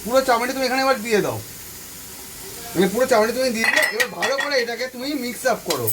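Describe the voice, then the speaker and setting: Heavy background noise of sizzling and stirring surrounds this man's extremely high-pitched, racing voice with lively intonation. Hosting a home cooking channel, he stands at his kitchen stove, away from the mic, taking viewers through the recipe step by step and repeating each instruction to them directly.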